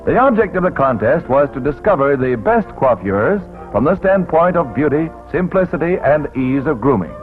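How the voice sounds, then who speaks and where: A man narrating a 1940s wartime newsreel in a brisk announcer delivery with punchy quips, heard as old newsreel sound. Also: a little high, big pitch swings. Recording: tinny 1940s newsreel soundtrack with loud music.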